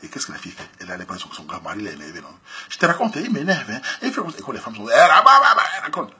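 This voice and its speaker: A Cameroonian-accented man hosts a show, reacting to a listener's letter and handing out advice in a lively, slang-filled way. He laughs a lot and swings from loud outbursts to quiet asides, talking at a racing clip over a faint hiss or hum.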